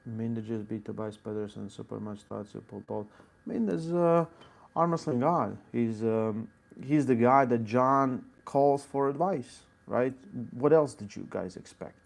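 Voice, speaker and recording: In a live Q&A with viewers, an arm wrestling coach with a Latvian accent reads chat questions aloud and breaks down technique in short bursts. His medium-pitched voice is gravelly and animated, yet unhurried.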